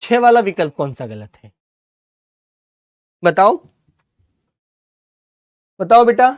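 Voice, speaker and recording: A man's voice: high-pitched, sing-song, slow, highs cut off. A man teaching Hindi grammar in an online exam-prep class, who asks his students questions, answers them himself, and calls them son and brother.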